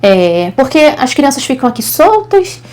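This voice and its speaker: Woman doing a shrill, scolding older lady. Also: sing-song, a little slow. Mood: defensive. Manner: yelling, flustered, backpedaling.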